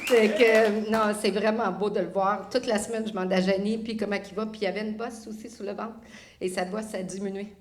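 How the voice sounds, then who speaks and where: A woman's voice: mid-range voice, fairly even intonation, brisk. A woman with a Québécois French accent giving an earnest, emotional testimony at church. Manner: emotional, laughing at times, earnest.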